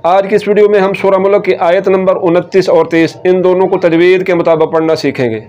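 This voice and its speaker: A man teaching Quran recitation, explaining letter sounds step by step and repeating words slowly. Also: high-pitched, little pitch movement, darkish tone, highs cut off. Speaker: tajweed teacher.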